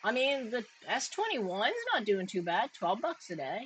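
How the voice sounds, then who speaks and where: A woman's voice: mid-range voice, big pitch swings, moderate pace, rough recording. A Canadian woman chats casually as host, thinking aloud with easy filler and a mid-range voice. There is a faint hum of noise behind her. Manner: chatty, laughs often, thinks aloud. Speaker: crypto mining streamer host. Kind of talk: casual chat.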